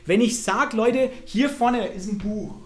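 A man preaching a sermon, swinging between loud fervent calls and quiet intimate asides, acting out voices as he preaches. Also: high voice, a little slow. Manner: acts out quoted voices in his preaching.

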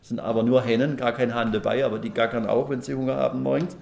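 A man's voice: mid-range voice, fairly even intonation, fast, vocal fry, a little mellow. A middle-aged man preaching a sermon at a lectern, folksy and chatty, asking the congregation questions. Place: church hall at a lectern. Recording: echoey room.

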